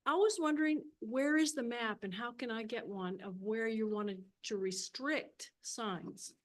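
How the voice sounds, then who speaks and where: A woman with a fairly high voice questions city officials at a public meeting. She talks in a chatty, informal way and keeps pressing her point. She comes across as insistent. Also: a little slow. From Texas. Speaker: public commenter. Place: council chamber.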